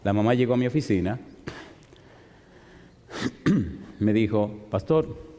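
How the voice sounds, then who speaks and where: A male pastor preaching a sermon, telling a story with animated delivery and rhetorical questions to the congregation. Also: fairly low pitch, slow. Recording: long reverb of a large hall.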